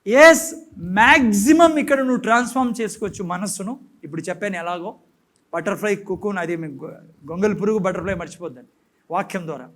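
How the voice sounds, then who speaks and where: Male pastor, high voice, sermon with call-and-response questions. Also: fast talker. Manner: quizzes the congregation, urges loud answers, mixes in English.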